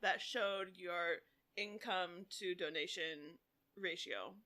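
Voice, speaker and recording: A woman's voice: on the low side, slow, bright, forceful tone. A young adult woman co-hosting a podcast, rambling and giggly, laughing often as she talks. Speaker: podcast co-host. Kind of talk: casual chat.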